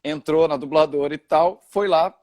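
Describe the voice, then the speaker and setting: Male interviewer, a touch high-pitched, easygoing and chatty. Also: moderate pace. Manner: relaxed, reminiscing, with filler hesitations. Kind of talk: conversational interview.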